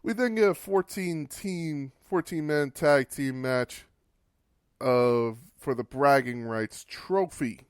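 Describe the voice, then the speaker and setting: A man's voice: medium pitch, takes it slowly, smooth, no room sound, studio quality. A man hosting a podcast, giving a casual, wry recap of old wrestling matches and swearing for laughs. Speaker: podcast host.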